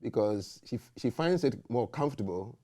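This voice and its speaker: A man's voice: medium pitch, lively intonation, normal speed, warm tone. A man hosting a talk show, making emphatic points and checking in with "okay?" and "you know". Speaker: host. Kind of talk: casual debate talk.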